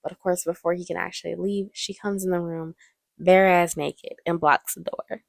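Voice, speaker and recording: Chatty young woman with a gravelly edge. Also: fairly low pitch, steady tone, moderate pace, no room sound, studio quality. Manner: chatty, frequent "like" fillers, playful mock voices. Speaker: movie commentator. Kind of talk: casual film commentary.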